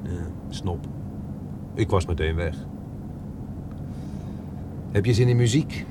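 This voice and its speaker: A man's voice: deep voice, slow pace, noisy background. A man dubbing a cocky young chauffeur who lies freely, speaking with breezy, teasing banter. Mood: boastful. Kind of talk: dubbed film dialogue.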